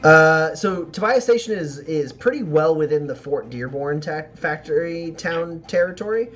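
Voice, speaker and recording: A man running a tabletop game as game master, improvising narration in a halting, informal way. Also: on the high side, animated, fairly bright tone. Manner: halting, laughs readily.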